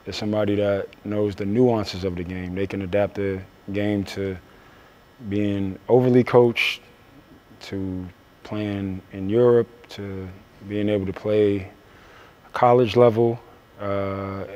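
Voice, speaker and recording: A man answering an interview question casually and thoughtfully, with pauses. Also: lowish voice, fairly even intonation, darkish tone, dull audio.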